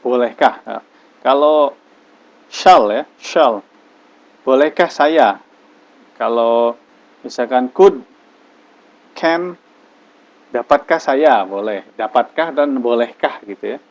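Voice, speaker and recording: Slow-spoken male English teacher, lo-fi. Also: mid-range voice. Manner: slow, patient explaining with drawn-out example phrases. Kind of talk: online class lesson.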